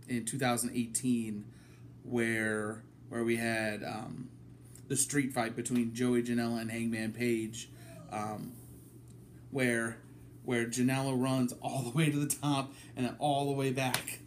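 A man hosting a casual wrestling review from his apartment, talking it through in a halting way with many ums. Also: medium pitch, slight background noise. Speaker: wrestling podcast host.

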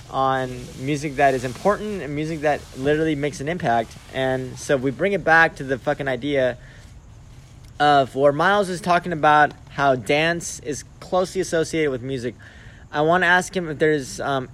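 A man's voice: fairly high pitch, fairly bright tone, slight background noise, low-quality recording. A young man hosting a casual podcast chat, rambling and hedging as he asks his guest questions. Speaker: podcast host.

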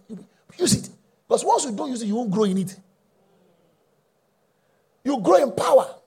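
A middle-aged man preaching a sermon, using call-and-response and bursting into shouts. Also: high-pitched, gravelly, slightly rough. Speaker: pastor.

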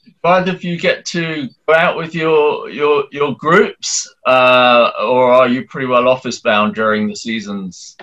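A man's voice: medium pitch, fairly even intonation, a little slow, fairly bright tone. A man interviewing guests, asking questions hesitantly with stammers and restarts. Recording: dull lo-fi sound.

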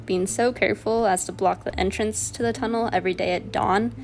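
A young woman narrates a true-crime podcast from a script, her voice carrying a gravelly fry at phrase ends. She steps out of the story now and then to share her own reactions, with faint music underneath. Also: medium pitch. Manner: reads a script with personal asides. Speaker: podcast host.

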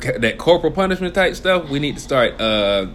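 Animated man in casual podcast chat. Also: fairly quick. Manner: animated, laughs often, jumps into high exclaims. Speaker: podcast co-host.

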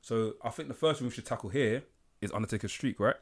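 A man's voice: medium pitch, fast. A man with a slangy London roadman accent, hosting a casual podcast chat. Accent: London, urban roadman. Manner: slangy, street-style talk. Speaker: podcast host.

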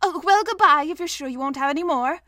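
A woman voicing a brisk, fussy male rabbit in a storybook, polite but stern, with emphatic, proper delivery. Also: high voice, bright, forceful tone, no room sound, studio quality, pitched above the performer's own voice. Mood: politely evasive. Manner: emphatic, proper, faintly bossy.

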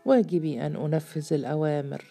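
A woman's voice: low-pitched, fast, vocal fry, mellow, faint music behind. A woman voicing a frightened male police chief who pleads anxiously for mercy. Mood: pleading. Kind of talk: storybook reading.

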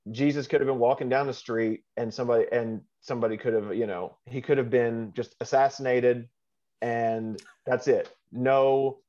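A man's voice: mid-range voice, fairly even intonation, moderate pace, dark tone, muffled recording. A man co-hosting a casual faith podcast, talking in rambling bursts with lots of fillers. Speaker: podcast co-host.

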